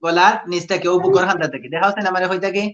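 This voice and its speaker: A man's voice: high-pitched, steady tone, rapid-fire, fairly bright tone. A man with a Sylheti accent teaching Quran recitation in a live online class, patiently drilling sounds and mixing in English. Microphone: video call. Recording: dull lo-fi video call audio.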